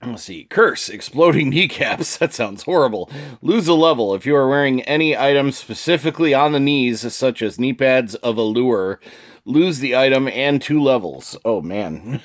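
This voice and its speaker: A man's voice: mid-range voice, lively intonation, normal speed. A man hosting his own channel, casually reading card text aloud with short asides and chuckles. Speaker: channel host reviewing card game cards.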